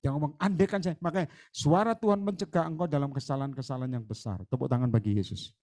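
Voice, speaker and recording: A man preaching a lively sermon as a guest preacher, chatty, jumping between loud bursts and low asides and acting out conversations with church members. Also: quick pace. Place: church hall.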